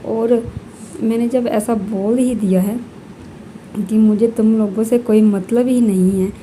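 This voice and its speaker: Young woman, vlogger, hushed scolding talk, very dark mellow voice, faint background noise. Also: on the high side, poor audio. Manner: scolding, indignant, repeats herself; speaks softly while children sleep. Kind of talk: casual vlog talk to camera.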